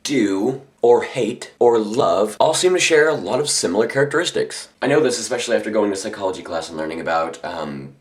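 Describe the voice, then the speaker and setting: A man's voice: fairly low pitch, expressive, fairly quick, hardly any pauses. A young man rambling through a jokey casual vlog, often dropping into whispers. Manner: rambling, jokey, drops to whispers and mock voices. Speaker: vlogger. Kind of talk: casual comedic vlog monologue.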